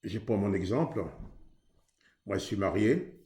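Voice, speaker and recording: A man's voice: lowish voice, expressive, measured pace, warm tone, echoey room. A man from Haiti preaching earnestly on marriage, in a conversational way that acts out both sides of a couple's exchange. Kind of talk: sermon on marriage.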